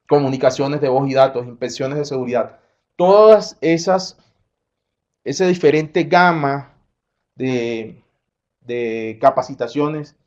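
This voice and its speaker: Brief: middle-aged man, Colombian coastal accent, chatty conference speaker, mid pitch, slightly dull recording. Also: a little mellow. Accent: Colombian coastal Spanish. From Colombian Caribbean coast. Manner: conversational, with frequent fillers and self-corrections. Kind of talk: conference talk.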